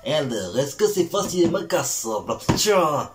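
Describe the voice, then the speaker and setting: A man's voice: fairly high pitch, sing-song, measured pace, noisy background. A man playing a boastful self-styled martial arts master in a comedy sketch, with a put-on Québécois French accent and a worn-out voice. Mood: mock-solemn. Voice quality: swaggering, insulting, mock-solemn.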